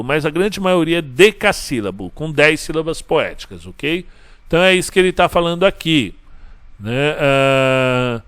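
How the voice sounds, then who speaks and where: A man's voice: on the high side, fairly bright tone, smooth. A man teaching a class on verse. He counts syllables aloud, asks questions and answers them himself, and checks in with his listeners often. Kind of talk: recorded class lecture.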